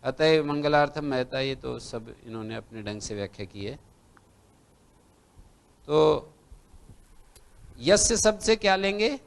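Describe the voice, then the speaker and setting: A man teaching Sanskrit grammar in a classroom lecture. He recites lines from old texts and then explains them slowly, one step at a time. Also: fairly high pitch, expressive, gravelly. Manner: slow, recites text then explains, lists letters one by one.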